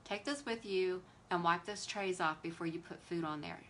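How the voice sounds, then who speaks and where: A woman's voice: lowish voice, moderate pace, fairly bright tone, slight background noise. A woman, chatting animatedly and with exasperated sass while hosting a beauty livestream. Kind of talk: casual livestream chat while doing makeup.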